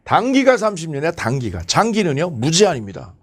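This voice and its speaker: A man lecturing for an exam prep course, his voice sitting a little high and swinging up and down a lot as he talks. He poses questions and answers them himself, hammering the key numbers again and again. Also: huge pitch swings, brisk.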